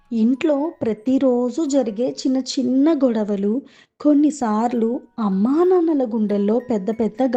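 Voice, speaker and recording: A woman narrates a storybook tale slowly and earnestly. Her voice sits a little high yet sounds mellow and soft. The recording is dull and lo-fi, with light music underneath.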